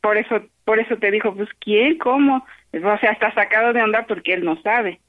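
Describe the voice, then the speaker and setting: A woman's voice: mid-range voice, a little fast, no room sound. A woman with a Mexican Spanish accent, listening on a phone call and chiming in with short, sympathetic replies. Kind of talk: casual phone chat, listening. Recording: dry tinny phone line.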